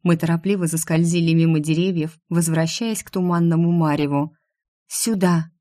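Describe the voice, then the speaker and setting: A woman narrating a fantasy novel in the first person, reading in an even, composed way. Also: low voice, a little fast, no room sound, studio quality. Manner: urgent, pleading in dialogue. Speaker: audiobook narrator.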